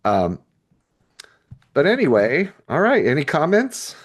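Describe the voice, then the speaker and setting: This podcast co-host has a voice on the high side with a breathy edge and huge swings in pitch, and he speaks without hurry. In loose, unscripted talk about a book chapter, he hesitates and rambles while working through his thoughts aloud.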